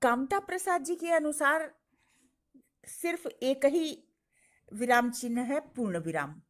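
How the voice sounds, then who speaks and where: Slow-paced woman teaching a lesson. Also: high voice, animated. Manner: slow, explanatory, with pauses and fillers. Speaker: Hindi teacher. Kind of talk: online grammar lesson.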